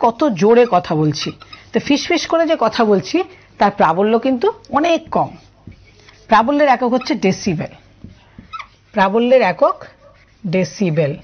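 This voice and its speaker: A woman's voice: a little high, breathy edge. A woman with a Bengali accent teaching an online science class, asking students questions and explaining step by step. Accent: Bengali, from Tripura. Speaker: science tutor. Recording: muffled lo-fi audio.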